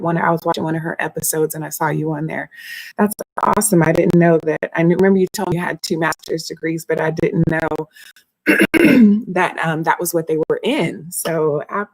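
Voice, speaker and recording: Slightly low, creaky-voiced woman streamer. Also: no echo, rough recording. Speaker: live stream host. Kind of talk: casual informal explaining to live viewers.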